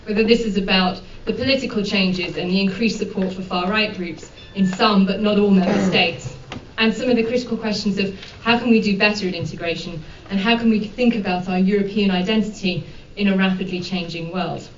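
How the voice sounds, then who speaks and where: A woman's voice: medium pitch, steady tone, slight background noise. Woman moderator in an echoey hall. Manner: measured, with frequent ums and uhs. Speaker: panel moderator. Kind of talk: formal event introduction. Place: conference room. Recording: dull, echoey hall from far off.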